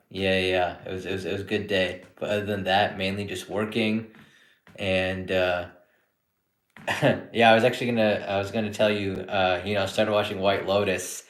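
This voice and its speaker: A man in his thirties, born in India and raised in Canada, chatting casually on a live stream as a psychiatrist answering viewer questions, relaxed and rambling with frequent restarts. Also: lowish voice, roomy sound. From born in India, grew up in Canada.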